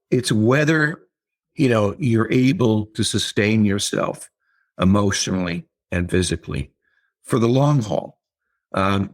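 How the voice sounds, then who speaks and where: In a laid-back interview, an older author and writing teacher speaks at a fairly low pitch. He's contemplative and hesitant, stumbling through fillers and repeating words.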